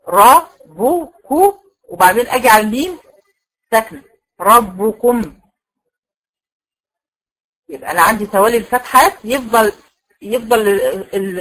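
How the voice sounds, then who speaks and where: An Egyptian woman gives a tajweed lesson to her students. She explains each point step by step, keeps checking with short questions, and stretches out example words very slowly so they can follow. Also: fairly high pitch, a bit bright, rough recording. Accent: Egyptian Arabic. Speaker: Quran recitation teacher. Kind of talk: online tajweed lecture.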